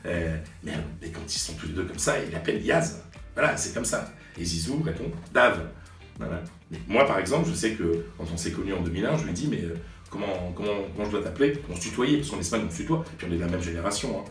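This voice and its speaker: Man, late forties, very low voice, hesitant storyteller, roomy distant sound. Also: animated, quick pace, faint music behind. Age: 40s. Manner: hesitant, many fillers and restarts. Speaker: sports journalist. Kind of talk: reflective storytelling to camera.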